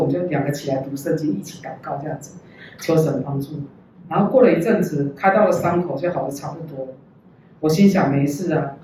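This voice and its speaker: A woman tells her faith testimony with earnest emotion, her voice mellow and dark in tone. She is recorded from well back in a church hall, so her words ring with heavy echo and a faint hiss underneath. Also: on the low side. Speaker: church member giving testimony. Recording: very echoey hall, mic far off.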